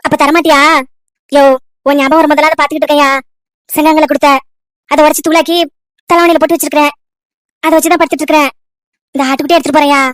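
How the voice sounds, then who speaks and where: An eager young village girl, as a woman voices her in a cartoon love story. She chatters and coaxes in a high, bright voice. The sound is dry. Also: level tone, rapid-fire, pauses often, no echo, close to an everyday voice. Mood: chatty. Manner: chatty, coaxing.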